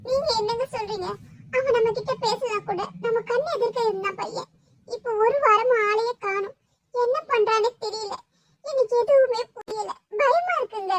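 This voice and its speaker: A woman's voice: very high-pitched, steady tone, moderate pace, no echo, poor audio. A woman voicing an anxious middle-aged mother in a cartoon, speaking fretfully and tearfully. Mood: worried. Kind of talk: cartoon voice acting.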